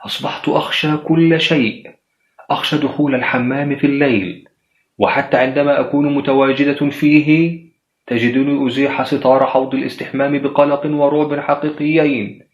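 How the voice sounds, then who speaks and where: A man's voice: mid-range voice, lively intonation, fairly quick, dull audio, lightly acted. A terrified young widow pleads in a raised, strained voice, as a male storyteller puts her on. The horror story reading sits in a roomy, echoing space. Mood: desperate pleading. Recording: roomy echo.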